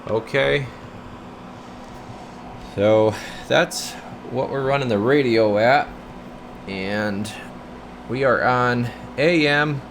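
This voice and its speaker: Talking while he works, a man who hosts a radio repair and test channel leads viewers through a casual demonstration step by step, partly muttering to himself at times. He has a medium pitch, draws out his words, and pauses often, with slight background noise.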